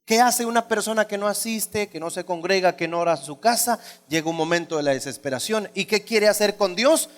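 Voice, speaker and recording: Brisk and with few pauses, a male pastor preaches emphatically and conversationally in a church hall, hall reverb on the recording. He repeatedly questions the congregation, jumping between loud, high exclamations and low asides.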